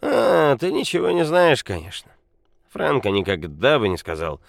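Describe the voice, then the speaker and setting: Drunk blustering mine boss, slurring and loud, voice jumping high , as a male narrator puts him on. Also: animated, a little fast, no room sound, studio quality, close to an everyday voice. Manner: slurring, shouting, swaggering. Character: drunk boastful male quarry owner, loud and unruly.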